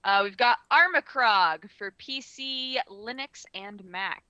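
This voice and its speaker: Wry woman co-host reading a release list; tinny, metallic tin-can sound, bright and crisp, dry close mic. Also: fairly high pitch, slow, no echo. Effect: tinny, metallic sound like talking from a tin can. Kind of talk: casual chat.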